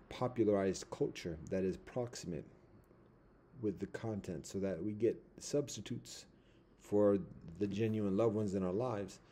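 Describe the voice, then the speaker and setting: A middle-aged man in a casual, reflective vlog monologue, using Rastafarian-style speech and halting, repetitive, deliberate phrasing. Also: lowish voice, mellow, slight background noise. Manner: Rastafarian-style speech with patois words like "brethren" and "ting".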